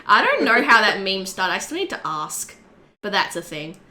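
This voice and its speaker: Chatty woman podcast co-host, bright clear tone, casual banter. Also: mid-range voice, moderate pace. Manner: chatty and animated, frequent "like" fillers. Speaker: podcast co-host and community co-leader.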